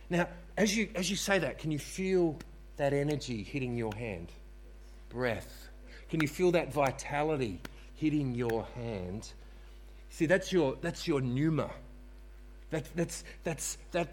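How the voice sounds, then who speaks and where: A man preaching a sermon to a congregation in church, repeating key phrases for emphasis and calling on listeners to respond. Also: medium pitch. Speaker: pastor.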